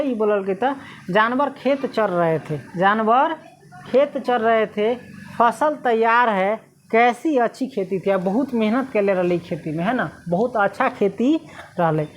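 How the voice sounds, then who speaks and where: Casting note: fairly high-voiced woman teacher, retelling a story line by line in dialect. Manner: reads a line, then retells it in local dialect with frequent "है ना?". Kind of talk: explaining a Hindi story lesson.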